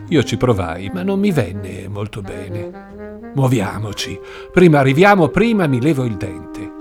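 A man narrates a first-person story at an even, storytelling pace. His voice sits in an ordinary middle register. Gentle guitar music plays clearly underneath. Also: medium pitch. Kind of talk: audiobook narration. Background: soft guitar music.

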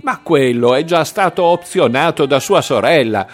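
Guy putting on a sloshed young dude at the bar, high squeaky voice, loud and drawn out. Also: animated, normal speed, faint music behind, close to an everyday voice. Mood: drunk, rowdy. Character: drunk swaying young man at a bar, loud.

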